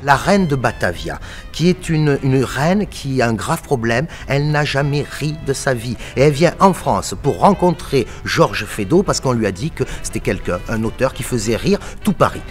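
A man's voice: medium pitch, lively intonation, normal speed, faint music behind. A man in his forties, a theatre director, talking enthusiastically and emphatically in an interview. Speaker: theatre company artistic director. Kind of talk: interview talk. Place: seated in an empty theatre auditorium.

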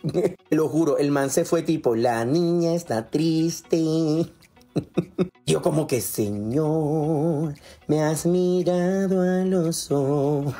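A man's voice: a little high, slow, dark tone, soft background music. A man, a doctor, telling a funny gossip story to camera, laughing often and acting out voices.

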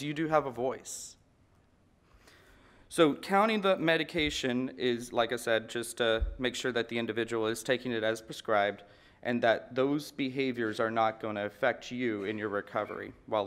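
Man, 30s, conference breakout speaker at a podium mic. Earnest and conversational, mid-pitched, with frequent restarts. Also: a bit bright. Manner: earnest, conversational, repeats words and restarts often. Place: large conference hall stage. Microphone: podium microphone.

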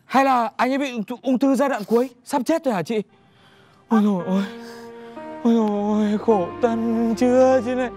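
An actor playing a tactless, nosy village neighbor who laments dramatically and explains things like a know-it-all. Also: male voice, extremely high pitch, fairly even intonation, a little fast, darkish tone, faint music behind. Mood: chatty.

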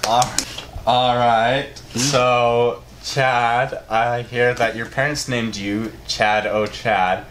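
A young adult man hosting an amateur game show with halting host patter, recorded in a room at home. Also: medium pitch, steady tone, fairly bright tone. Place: furnished home games room, indoors. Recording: clearly noisy room recording.

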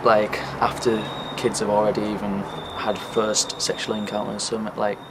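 A young man answers hesitantly, scattering fillers through his speech. His voice is low-set and flat. Traffic and street ambience sit clearly behind him. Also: normal speed. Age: young adult. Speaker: passer-by interviewee. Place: outdoors by a building.

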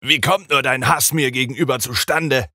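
A man reading an audiobook, voicing a cruel ancient male vampire count who roars in anger and broods softly when calm. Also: mid-range voice, moderate pace, no room sound, studio quality, voice pushed up. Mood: raging. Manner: roaring and commanding when angry, soft and brooding when calm.

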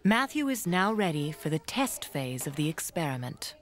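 A woman reading scripted documentary narration in a measured, explanatory way. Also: low-pitched, big pitch swings.

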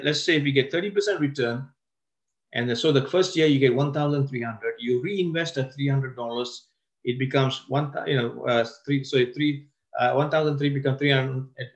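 This man's voice sits in the mid-range as he presents a wealth seminar in lecture form. Key words get emphasis through slower delivery, and he often cuts sentences short to start them over.

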